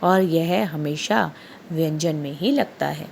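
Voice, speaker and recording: On a recorded Hindi lesson, a primary school teacher speaks to small children in a low, gravelly, darkish voice, taking it slowly against slight background noise. She stretches out each syllable and says every word twice so they can copy it. She often addresses the children directly and asks them questions.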